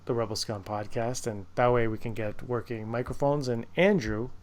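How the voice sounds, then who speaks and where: A man's voice: medium pitch, normal speed. A man hosting a podcast in casual chat, talkative and wryly joking. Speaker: podcast host.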